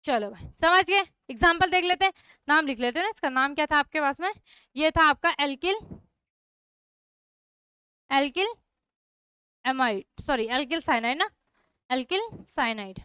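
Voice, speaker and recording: Young female chemistry teacher, crisp bright tone, dry close sound, keeps asking if it's clear. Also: sits high, animated, moderate pace, pauses often, no echo. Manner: repeats checks like "clear?" and "okay" to students. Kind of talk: online class lecture.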